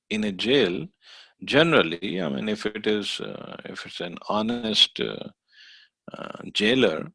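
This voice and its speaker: Low, gravelly teacher. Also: male voice, fairly bright tone, dry recording. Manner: explanatory, with hesitant fillers. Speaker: scripture class teacher. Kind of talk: scripture study lecture.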